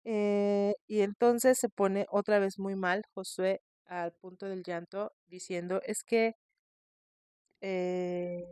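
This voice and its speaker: A woman hosting a podcast, telling a scary case in a chatty, expressive way. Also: medium pitch, smooth, dry recording, clean studio sound. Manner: chatty, expressive, shrieks in mock fright. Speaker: podcast host. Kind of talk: casual storytelling.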